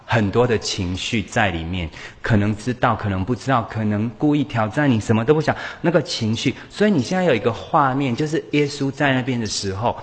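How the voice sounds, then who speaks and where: A man giving a lively church teaching on pastoral care, acting out what people say and laughing often. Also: mid-range voice, a little fast, few pauses. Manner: animated, acts out quoted voices, laughs often. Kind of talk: lively sermon talk.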